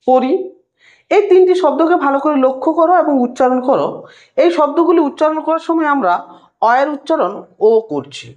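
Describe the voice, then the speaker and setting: High, lively woman tutor, lo-fi sound. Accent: West Bengal Bengali. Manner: explains step by step, addresses students directly; sounds out single sounds slowly. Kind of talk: recorded lesson lecture.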